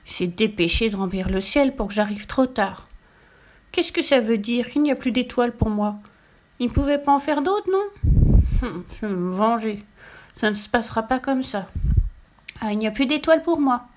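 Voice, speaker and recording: A whining, sulky little pig from a storybook, as a woman reads him. His voice climbs high and pleads in a petulant wail. He grumbles that nobody loves him. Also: a little mellow, lightly acted. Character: greedy sulky little male pig, whiny.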